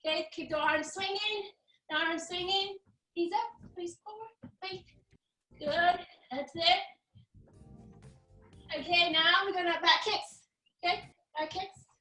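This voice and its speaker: A woman coach with a very high voice gives exercise instructions at an unhurried pace. She repeats short commands and encourages as she goes. The recording is roomy and distant, with faint music behind. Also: sharp tone. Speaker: gymnastics coach leading a warm-up.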